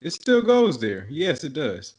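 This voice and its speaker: A young man co-hosting a podcast, talking in a relaxed, rambling way and laughing easily. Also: on the high side, unhurried. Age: young adult. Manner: laid-back, rambling, many fillers and restarts, laughs easily. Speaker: podcast co-host. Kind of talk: casual podcast chat.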